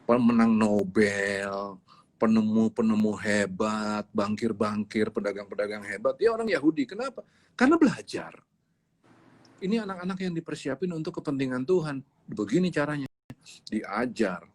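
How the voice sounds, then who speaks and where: A man's voice: lowish voice, moderate pace. A man preaching in a livestreamed sermon, speaking emphatically and repeating his key words. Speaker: pastor.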